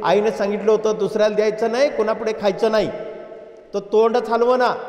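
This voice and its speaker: A man delivers a sermon, spinning a folk story with lively, dramatic swings between loud emphasis and hushed low asides. His voice sits high for a man. It rings through a large hall with a long, roomy reverb. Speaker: spiritual preacher.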